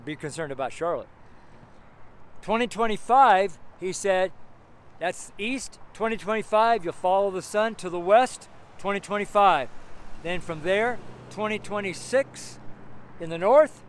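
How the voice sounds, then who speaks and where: A man in his seventies with a high-sitting voice preaches on a city street among buildings, keeping a measured pace. His informal, rambling sermon rings out strong and carrying, full of exclamations and repeated phrases for emphasis. Traffic and street noise fill the background.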